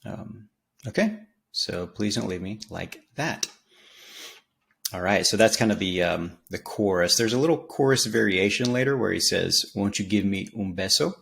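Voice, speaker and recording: A man explaining song lyrics in a casual spoken language lesson, relaxed and rambling with many ums and restarts. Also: fairly low pitch, moderate pace, gravelly. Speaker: language teacher.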